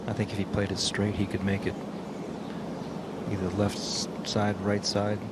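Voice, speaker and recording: Male golf commentator over loud outdoor noise. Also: on the low side, completely flat delivery, moderate pace. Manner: golf commentator's terse, understated shot calls. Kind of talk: live golf commentary, on-course shot description. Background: loud outdoor ambience.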